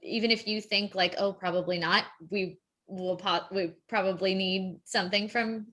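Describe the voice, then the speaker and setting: A woman addresses an event audience in a loose, rambling way, starting and stopping often and leaning on fillers. Her pitch is in a middle range, and she keeps a friendly, informal tone. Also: steady tone, normal speed, fairly bright tone. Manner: rambling and hesitant, with many fillers and restarts. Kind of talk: casual presentation at a public event.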